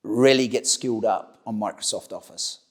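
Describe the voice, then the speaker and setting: This is a middle-aged company director from New Zealand, by his accent, talking at normal speed in a lowish voice. He answers the interviewer's questions casually, often doubling back to repeat words or restart a sentence.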